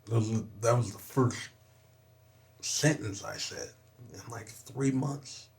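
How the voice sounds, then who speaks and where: A young man from Southern California speaks as a podcast guest, with a voice of middling pitch. He tells a personal story openly, leaning hard on his words and swearing freely. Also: takes it slowly. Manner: emphatic and profane, with frequent "you know what I'm saying".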